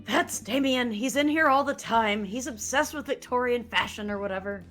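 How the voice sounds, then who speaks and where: A woman's voice: a little high, moderate pace, fairly bright tone, soft background music, lightly acted. A woman streamer voicing a bored young female cashier who sounds fed-up and dismissive. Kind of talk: streamer voicing a dating-sim character.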